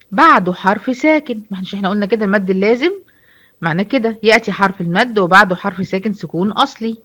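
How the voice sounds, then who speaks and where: A Quran recitation teacher with an Egyptian Arabic accent runs a brisk online lecture, racing through her points and repeatedly posing questions to the class that she then answers herself. Her medium-pitched voice sounds bright and forceful.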